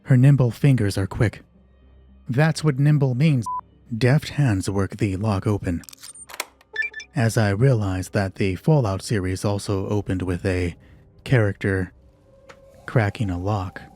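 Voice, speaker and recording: Over faint background music, a man with a fairly low, mellow voice speaks a little slowly and pauses often. He's running a solo tabletop roleplaying game, narrating and explaining rules as he thinks out loud and makes jokes at his own expense.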